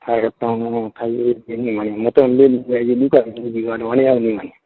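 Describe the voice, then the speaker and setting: Chatting casually by phone, a tailor shop owner with a Rajasthani Marwari accent repeats his phrases often. His delivery is flat and a little fast with a breathy edge, there's no echo, and the telephone recording sounds muffled and low-fidelity.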